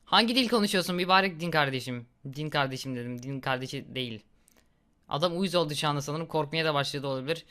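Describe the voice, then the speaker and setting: A young man giving casual, excitable gameplay commentary, reacting loudly and laughing at gory moments. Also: a little high, fast talker. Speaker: gaming YouTuber.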